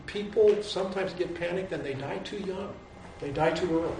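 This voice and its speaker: A man's voice: sits high, normal speed, crowd noise. A man giving a digressive, musing lecture, often restarting his sentences. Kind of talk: rambling lecture. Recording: very echoey hall, from far off.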